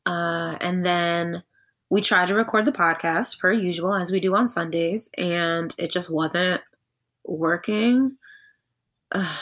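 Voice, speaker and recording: A woman's voice: fairly low pitch, unhurried, a bit bright. A young woman hosting a podcast in casual chat, upbeat and slangy. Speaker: podcast host.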